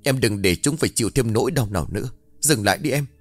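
A man's voice: mid-range voice, lively intonation, moderate pace, soft background music, voice pushed up, close to an everyday voice. A man voicing a heartbroken middle-aged husband, pleading in a choked, tearful voice.

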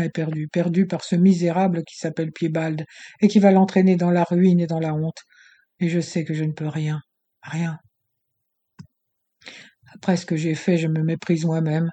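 A man voicing a proud, troubled young woman in an audiobook, speaking softly and pleadingly. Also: a little high, level tone, normal speed, natural voice. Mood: despairing. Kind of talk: audiobook character reading.

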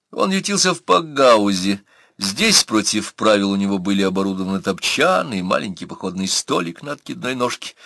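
Man, audiobook narrator, bright forceful tone, lowish pitch, dry close recording, acts out characters. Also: vocal fry, dry recording. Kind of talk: audiobook reading with character voices.

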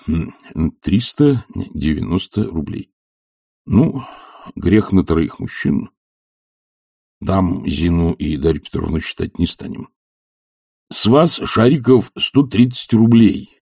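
A man's voice: low voice, expressive, slow, gravelly, long pauses, a little mellow, husky, no echo, clean studio sound, exaggerated voice. A man voicing an imperious older professor, lofty and ironic, who bursts into thundering rage, in an audiobook. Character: imperious older male professor, quick to fury. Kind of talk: audiobook character voice.

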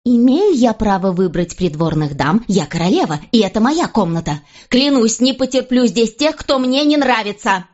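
A woman reading an audiobook, voicing a furious jealous young queen who shouts in a raised, higher voice. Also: very animated, normal speed, few pauses, lo-fi sound. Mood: raging.

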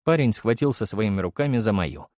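A man narrating a first-person fantasy audiobook, briskly, with gruff, curt lines for the hero. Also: on the low side, expressive, darkish tone, no room sound, clean studio sound.

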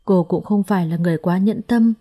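Mellow woman storyteller. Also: medium pitch, brisk. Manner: steady, expressive storytelling. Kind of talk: scripted narration.

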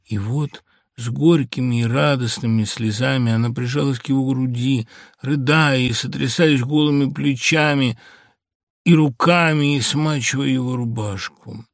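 A man reads a classic story as an audiobook, measured and expressive. His middle-pitched voice has a gravelly texture. The recording is dry and close. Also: no room sound. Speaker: audiobook narrator. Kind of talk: literary audiobook narration.

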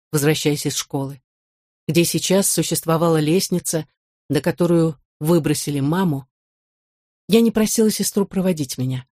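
Woman, memoir audiobook narration, measured and expressive, dark mellow voice, dry close sound. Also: on the low side, no echo.

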